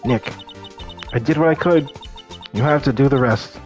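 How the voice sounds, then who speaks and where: A man's voice: mid-range voice, normal speed, soft background music, lightly acted. A man voicing an earnest, loyal young woman who speaks up firmly. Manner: earnest, pleading.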